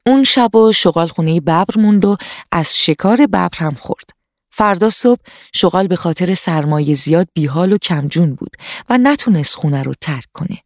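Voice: mid-range voice, no echo, studio quality. A storyteller narrating a scripted children's story for a radio program, addressing the young listeners.

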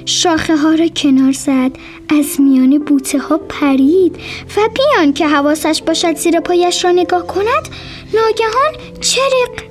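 A woman tells a children's story in a soft, gentle voice and often slips into a whisper. Her voice is high, with faint music playing behind her.

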